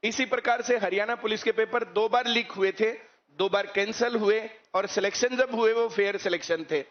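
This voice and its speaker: Addressing his students on current issues, a coaching teacher keeps asking rhetorical questions. He has a high voice and a moderate pace, and the recording is muffled and low quality.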